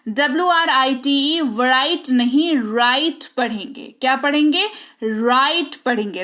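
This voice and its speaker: In a spoken English lesson in Hindi, a woman with a high-pitched, slightly bright voice teaches English spelling rules. She spells words out letter by letter and keeps checking in with the class through frequent rhetorical questions.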